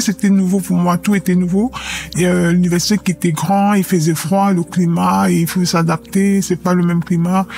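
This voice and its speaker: Even-toned young woman. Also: on the low side, gravelly. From Cameroon. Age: young adult. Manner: measured and reflective, with hesitant fillers. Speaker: anonymous witness. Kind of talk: personal testimony.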